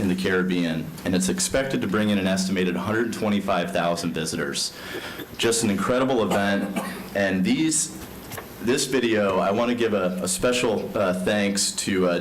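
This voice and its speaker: A man's voice: lowish voice, slight background noise, low-quality recording. A man speaking as a county sports and tourism director, giving earnest formal remarks with frequent fillers at a county commission meeting.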